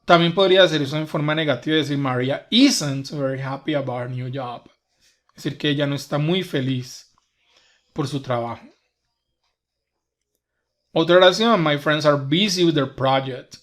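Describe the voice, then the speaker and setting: A man's voice: a little high, normal speed, long pauses, fairly bright tone. A man whose first language is Spanish teaching an English grammar lesson, patiently repeating each example step by step. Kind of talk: slow grammar lesson explanation.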